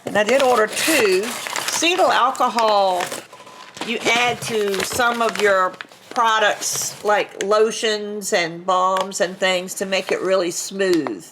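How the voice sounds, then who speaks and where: Slow and medium-pitched, an older woman with a stuffy, congested nose chats through unboxing a craft subscription box at home on her camera mic. The vlogger rambles a little, with restarts and small laughs, over a noisy background.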